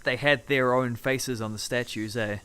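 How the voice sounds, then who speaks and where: A man's voice: mid-range voice, steady tone, moderate pace, fairly bright tone, clear, resonant tone. A man co-hosting a podcast, chatting casually in offhand, clipped phrases. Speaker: podcast co-host. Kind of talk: casual podcast chat about television.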